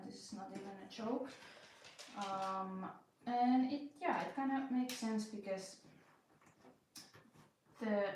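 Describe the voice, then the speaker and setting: A young woman hosting a puzzling channel, thinking aloud while she works, talking slowly with many fillers and restarts. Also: mid-range voice, far from the mic. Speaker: speed puzzling channel host. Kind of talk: casual commentary while puzzling. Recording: very echoey room, voice off-mic, faint noise.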